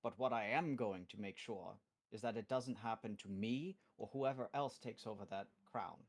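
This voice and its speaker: A man improvising in character in a tabletop role-playing game, speaking in a halting, deliberate way and swearing casually. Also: lowish voice.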